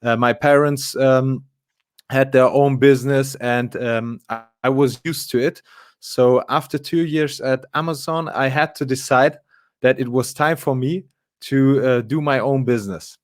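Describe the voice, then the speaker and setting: A man's voice: medium pitch, fairly even intonation, measured pace, no room sound. A man, a guest in a casual live interview, talking with many fillers and restarts. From Germany. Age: 20s.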